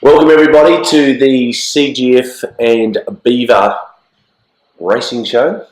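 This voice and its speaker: A hoarse Australian man with a croaky, frog-like voice from the flu, co-hosting a racing show in casual, blokey, halting chat, often repeating himself. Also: mid-range voice, steady tone, darkish tone. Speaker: co-host of horse racing show. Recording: echoey, roomy sound.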